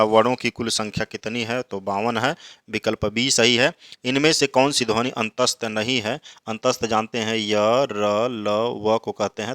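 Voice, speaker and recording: A man's voice: fairly low pitch, fairly bright tone, dry recording, clean studio sound. A man teaching, reading each exam question and then explaining its answer. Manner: slow drawn-out recitation of verses.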